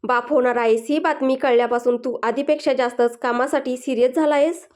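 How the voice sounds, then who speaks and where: A chatty young man from a storybook who likes to needle his friend good-naturedly. A woman reads him in a high, light voice. His talk is easy and joking. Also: steady tone, brisk, a little mellow, natural voice. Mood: teasing. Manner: teasing, chatty. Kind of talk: storybook dialogue reading.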